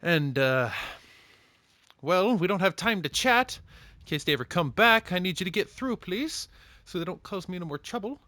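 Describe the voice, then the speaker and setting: A man's voice: high voice, animated, normal speed, pushed and bright, no room sound, voice pushed up. A man voicing a cheery, motherly little dwarf woman apothecary in a tabletop game. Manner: sing-song, calls people honey.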